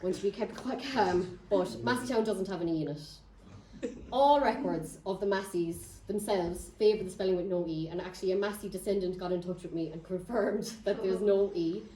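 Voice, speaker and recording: A woman's voice: mid-range voice, normal speed, dark tone, recorded from a distance, slight background noise. A woman with a County Cork Irish accent gives an informal local history talk, telling stories with wry humour. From Ireland. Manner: wry, lightly humorous. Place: echoey indoor room before an audience. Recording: echoey room, picked up from afar.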